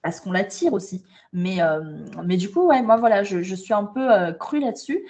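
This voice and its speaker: With a medium pitch, lively intonation and a dark tone, a woman from France speaks at normal speed over lo-fi sound. A holistic coach for women, she is a guest in a laid-back interview indoors while travelling abroad, frank and emphatic, repeatedly restarting her phrases.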